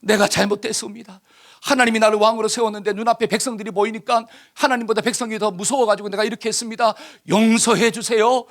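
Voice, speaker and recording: A man's voice: high voice, little pitch movement, fast, fairly bright tone, pitched above the performer's own voice. A man doing a contrite king begging pardon. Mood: pleading. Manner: pleading, apologetic.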